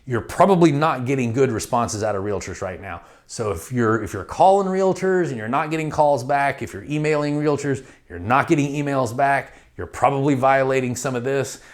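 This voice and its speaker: A man's voice: mid-range voice, lively intonation, normal speed, few pauses. A middle-aged man giving a training lecture on real estate investing, talking directly and conversationally and acting out phone calls to realtors.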